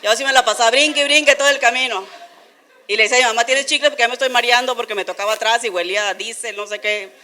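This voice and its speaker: Bright-voiced Mexican woman preacher. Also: a little high, very fast. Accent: northern Mexican. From Tijuana, Mexico. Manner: animated, playful storytelling with rhetorical questions. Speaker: children's church teacher. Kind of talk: lively Bible lesson sermon.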